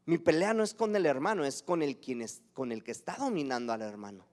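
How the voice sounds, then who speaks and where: This Mexican-accented pastor's voice is on the high side and a little mellow, with lively intonation and a slightly fast delivery. Preaching conversationally, he quizzes his congregation and acts out stories from when he was a child.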